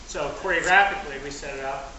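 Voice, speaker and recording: A high-pitched man leads a live demonstration as a fight director, explaining moves to onlookers while he stays on the move. He is recorded from a distance in a strongly echoing space, with clear noise around him. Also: fast talker, pushed and bright. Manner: instructional, talking to audience and partner; physically active while talking. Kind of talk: live stage combat demonstration. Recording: echoey, noisy space, distant mic.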